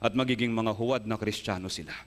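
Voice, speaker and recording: A male pastor preaching a sermon with earnest emphasis, often asking his congregation rhetorical questions and rising into emphatic high bursts. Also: quick pace. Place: church hall. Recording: long hall reverb.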